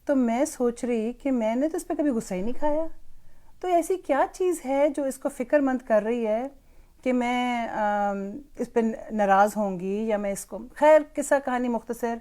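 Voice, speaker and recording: An older woman with a bright, higher voice tells a casual story as a grandmother offering parenting advice, chatting freely and moving between Urdu and English.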